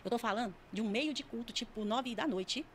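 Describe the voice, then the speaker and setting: A woman's voice: fairly high pitch, brisk, a little hiss or hum. A woman telling her personal testimony in a vivid, emphatic way. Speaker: guest giving a testimony.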